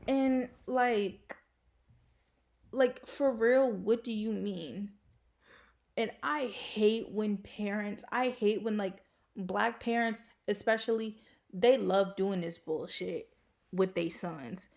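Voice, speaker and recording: Slow, gravelly-voiced ranting woman. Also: mid-range voice, a little mellow. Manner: blunt, profane ranting with slang. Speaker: faceless YouTuber. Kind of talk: ranting casual vlog.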